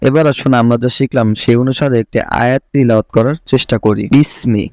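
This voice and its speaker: A man teaching how to pronounce the letters for Quran recitation, speaking slowly and carefully and repeating each sound for the learner to copy. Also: mid-range voice, steady tone, a little mellow, no echo. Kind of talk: step-by-step teaching of letter pronunciation.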